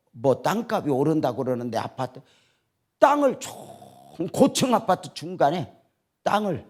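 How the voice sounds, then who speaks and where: A male pastor delivers a revival sermon, his somewhat high voice climbing and falling in wide, lively swings. He drops to near whispers for quiet moments and then surges back up with feeling. The sound comes from inside a church sanctuary. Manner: swings between hushed quoted dialogue and rising emotional preaching.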